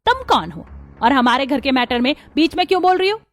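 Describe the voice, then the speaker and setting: A woman's voice: sits high, sing-song, fairly quick, no echo. A woman voicing a stern, bossy mother-in-law in a cartoon story, scolding and commanding. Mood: angry.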